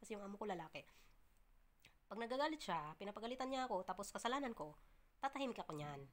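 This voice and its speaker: A woman vlogging casually to her viewers, chatty and full of fillers and restarts, often laughing and breaking off to cough or clear her throat. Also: mid-range voice, expressive, quick pace. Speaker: vlogger, domestic worker abroad.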